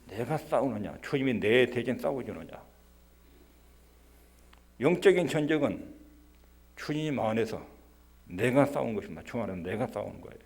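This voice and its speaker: Korean pastor guy preaching sunday sermon, pitch all over the place, earnest, punches key words. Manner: earnest preaching, acts out prayers in a quiet voice, stresses key words. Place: church sanctuary.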